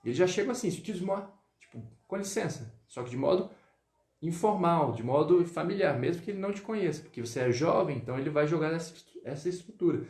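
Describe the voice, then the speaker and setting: A man teaching French in a live online lesson, greeting viewers and drilling pronunciation slowly. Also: on the high side, expressive, a little mellow, echoey room. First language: Portuguese.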